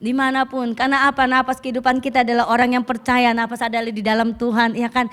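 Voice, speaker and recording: A woman pastor preaches with a high voice that is clearly hoarse and rough. She keeps it lively, tossing questions out to the congregation as she goes. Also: fast. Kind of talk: sermon.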